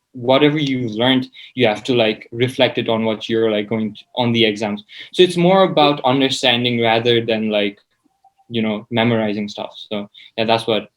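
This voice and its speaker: Heard over poor audio, this mid-range male voice belongs to a seventeen-year-old Nepali student guesting on an interview. His casual talk is hesitant and informal, peppered with "like."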